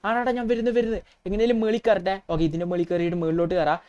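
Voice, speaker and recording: A woman voicing an excitable, chatty young male street hustler, talking through a game in role-play. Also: mid-range voice, very fast, clear, resonant tone, dull audio, lightly acted. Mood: excited.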